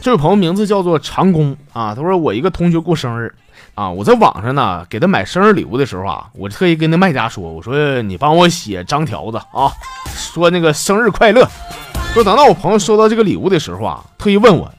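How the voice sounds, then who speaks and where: A man telling a string of jokes as the host, with lively laughing delivery. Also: a little high, fast talker, soft background music. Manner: animated storytelling with laughs. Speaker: comedy host. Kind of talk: casual joke-telling monologue.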